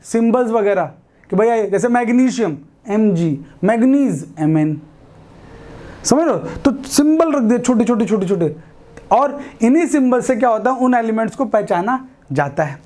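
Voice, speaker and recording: A man's voice: very high voice, expressive, normal speed, warm tone. A man with an Indian accent teaching a chemistry lesson, chatty and often checking that the students follow. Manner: chatty, asks rhetorical questions, mixes English into Hindi. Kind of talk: classroom lecture.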